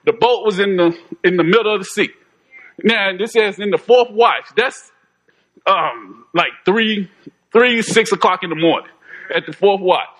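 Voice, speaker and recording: Man, informal sermon, high voice, bright tone, folksy, repeats himself. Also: a little slow, low-quality recording. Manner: conversational, folksy, repeats phrases, chuckles. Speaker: preacher.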